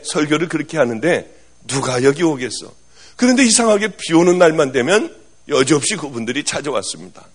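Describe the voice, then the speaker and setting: A man preaching a sermon as a pastor, telling a personal story in a lively storytelling manner. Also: a little high, breathy edge. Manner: animated storytelling, swinging from loud to hushed.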